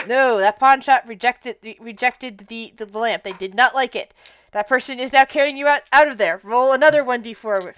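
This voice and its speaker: A woman game master narrating an improvised tabletop story in a halting way, repeating words as she goes. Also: a little high, fairly bright tone, clear, resonant tone.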